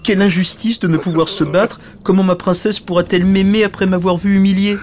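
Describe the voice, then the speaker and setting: A man's voice: medium pitch, big pitch swings, normal speed, darkish tone, pitched above the performer's own voice, lightly acted. A man voicing a tiny, earnest knight who speaks with plaintive dignity in a fairy tale.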